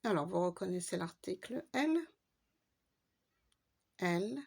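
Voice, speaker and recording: Woman teacher, slow patient lesson, gravelly edge, drawls out the vowels. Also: fairly low pitch, lively intonation, a little mellow. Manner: patient, spells out letters and vowels, drawn-out recitation. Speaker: Arabic teacher. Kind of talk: slow step-by-step reading lesson.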